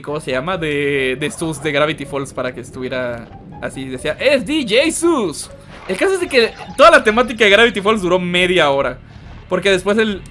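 A young man with a Mexican Spanish accent, telling funny stories and commenting on gameplay with loud, animated outbursts. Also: high-pitched. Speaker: gaming streamer. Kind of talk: comedic storytelling and gameplay commentary.

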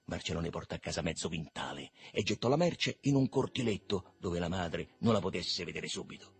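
A man reading a literary novel aloud in a lively, expressive way. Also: low voice, brisk, husky. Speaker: reader.

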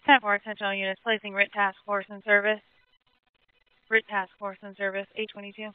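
Dispatcher on radio, flat and quick, phone-like sound. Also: medium pitch, clear, resonant tone, no echo. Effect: two-way radio. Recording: narrow phone-like radio channel.

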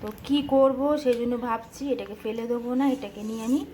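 A young woman chatting directly to viewers in a casual home vlog, now and then scolding the kids loudly. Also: fairly high pitch, moderate pace, slight background noise. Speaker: family vlogger. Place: family home and kitchen.

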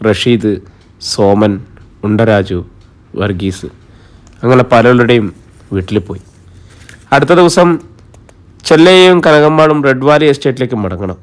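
A man calmly narrating an audiobook as a storyteller. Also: mid-range voice, clear, resonant tone.

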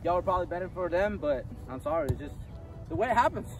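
A young man on an outdoor football pitch, boasting excitedly and joking during a casual challenge. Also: fast talker, recorded from a distance. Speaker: player. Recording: outdoor audio with music behind.

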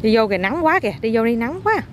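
Mom coaxing her kid outside, kinda high voice, bit of faint street noise. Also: sing-song, fast talker. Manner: coaxing, repetitive, playful. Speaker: mother filming her child. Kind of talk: casual chat with a toddler.

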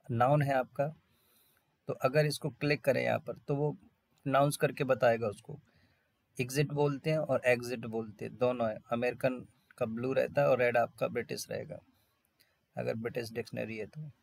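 A male English teacher giving an online vocabulary lesson, explaining in Hindi and reading English lines out slowly. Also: medium pitch, fairly even intonation, creaky, no room sound.

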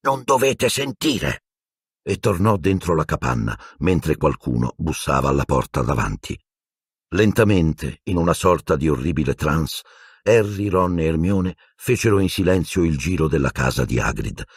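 A man reading an audiobook with expressive storytelling. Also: a bass voice, moderate pace, husky, dry recording, studio quality. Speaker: audiobook narrator.

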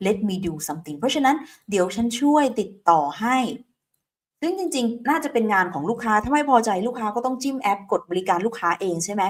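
A woman English teacher giving an online lesson, drilling phrases word by word and prompting viewers to repeat them aloud. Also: mid-range voice.

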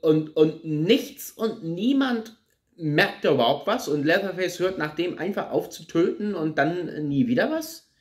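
Man in his thirties, slightly high voice, critical ranting film review, filler-heavy, small room, camera at medium distance. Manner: critical, ranting, with many fillers and repeated words. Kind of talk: casual spoken film review. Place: small plain room indoors, seated on a sofa.

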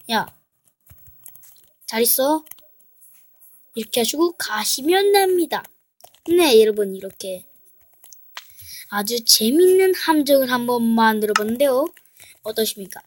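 A woman's voice: fairly high pitch, rough recording. A woman casually walking through a game trap, playful and teasing, with jokey mock threats. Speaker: gameplay creator. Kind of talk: casual game walkthrough commentary.

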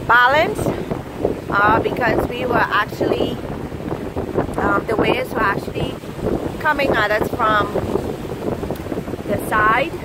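A woman chatting casually as she films a sailing vlog from the deck of a sailboat, explaining things with many fillers. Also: on the high side. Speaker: sailing vlogger. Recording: windy outdoor phone recording. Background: wind and water noise.

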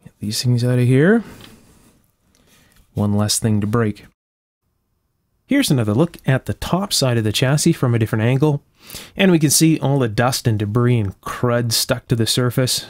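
An electronics restorer hosts his video from a workbench in an indoor workshop, talking casually through a hands-on repair and explaining each step with care. His mid-range voice is a little mellow, and the studio-quality recording carries no room sound.

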